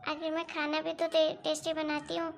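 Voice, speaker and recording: A woman voicing an eager young newlywed bride in an animated story, sweet and pleading. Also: high voice, fairly quick, gravelly. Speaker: daughter-in-law.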